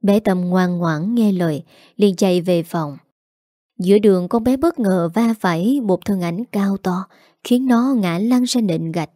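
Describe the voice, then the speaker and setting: A woman narrating a storybook in a steady, even way. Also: medium pitch, measured pace, dry recording, studio quality.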